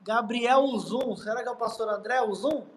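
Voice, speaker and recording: A man's voice: extremely high pitch, normal speed, rough recording. A man with a Brazilian accent, a pastor preaching on a live stream in an emphatic, repetitive way.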